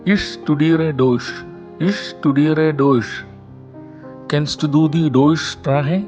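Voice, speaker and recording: A man with a somewhat high voice leads a beginner language lesson, speaking at a very slow, deliberate pace. He says each line of a simple dialogue twice so learners can follow and repeat. Faint instrumental music plays underneath. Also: darkish tone, highs cut off. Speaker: German language teacher.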